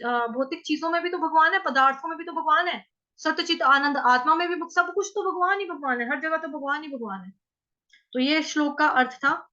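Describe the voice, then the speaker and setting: Patient woman recitation teacher, bright tone, slow syllable-by-syllable drilling, dull recording. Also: high-pitched. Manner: patient, repeats syllables slowly. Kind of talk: explaining and chanting verses.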